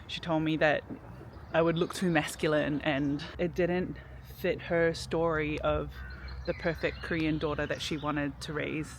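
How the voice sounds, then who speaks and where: Faint traffic hums behind a low-voiced vlogger from New Zealand as she records in a city park, relaxed and chatty while reflecting on her own story, peppering her speech with "like."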